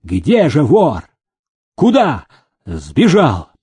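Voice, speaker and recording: A man voicing a stern army major who shouts at his prisoners. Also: medium pitch, huge pitch swings, drawn-out words, husky, dry recording, studio quality, heavily acted. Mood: angry. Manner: barking, harsh.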